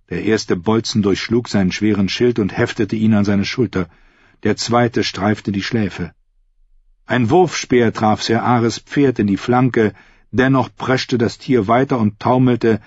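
Low, husky male audiobook narrator. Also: darkish tone, dry recording. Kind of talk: scripted narration. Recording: slightly dull lo-fi recording.

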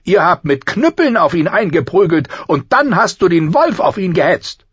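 A man voicing a spoiled, whining boy prince who shouts his accusations shrilly. The recording sounds slightly dull. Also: high voice, very animated, moderate pace, husky, no room sound, pitched above the performer's own voice, heavily acted. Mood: petulant.

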